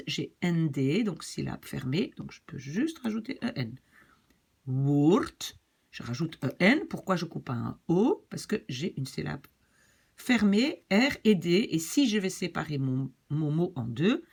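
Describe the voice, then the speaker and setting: Husky woman teaching slowly, lively pitch. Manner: patient, checks in with listeners often. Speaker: Dutch language teacher. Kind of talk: explaining Dutch spelling step by step.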